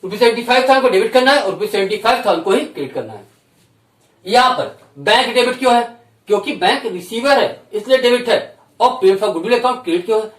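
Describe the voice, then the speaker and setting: A man with a high voice teaches an accountancy lesson, speaking a little way off the mic. His words ring in a roomy echo as he explains each step and repeats it. He poses questions aloud and slows down to dictate figures. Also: lively intonation, fairly bright tone, far from the mic. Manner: slows right down when dictating entries and figures. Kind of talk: recorded classroom lesson.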